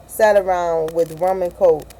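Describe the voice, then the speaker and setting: A woman's voice: on the low side, steady tone, unhurried, mellow, rough recording. A woman reading a novel aloud in an amateur audiobook style, often stumbling, correcting herself and adding asides. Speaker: reader of a novel.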